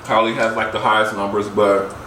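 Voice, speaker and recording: A man's voice: fairly low pitch, little pitch movement, brisk, sharp tone. An American man hosting a casual vlog, chatting with a friend in a playful, slangy, campy way. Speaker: host of a casual mukbang vlog. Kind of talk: casual chat between friends. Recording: echoey, noisy room, distant mic.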